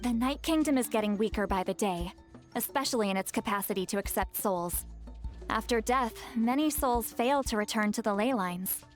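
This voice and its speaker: An actress playing a composed adult woman leader in a video game, speaking with calm authority. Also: a little high, normal speed, faint music behind, close to an everyday voice. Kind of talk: game voice acting.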